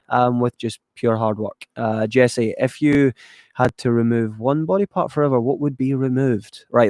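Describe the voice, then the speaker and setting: Here a medium-pitched Scotsman from west of Glasgow, a YouTuber, reads questions from viewer chat and gives rambling answers peppered with ums and casual swearing. The audio is dry and clean, like a studio.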